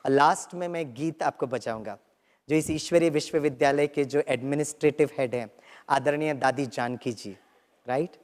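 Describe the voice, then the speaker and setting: A man's voice: mid-range voice, moderate pace. A man from Kerala whose first language is Malayalam, leading an audience in a guided meditation talk. He mixes English phrases into his speech and keeps asking "right?". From Kerala, India. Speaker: spiritual teacher. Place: large lecture hall with an audience. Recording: long reverb in a hall.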